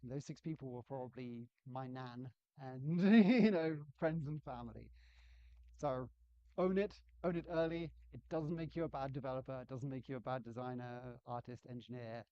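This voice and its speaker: A man's voice: medium pitch, normal speed, dark tone, dry recording. A man giving a casual lecture on game development, chatty and self-deprecating, acting out quotes. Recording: dull, slightly lo-fi sound.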